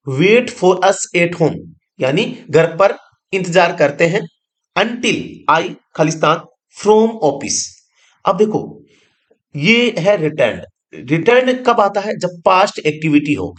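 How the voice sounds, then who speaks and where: Male teacher, fairly high and very animated pitch, repeats words, quizzes the class. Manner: explains slowly, repeats each word and meaning, asks the class questions. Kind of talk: online exam-prep grammar lesson.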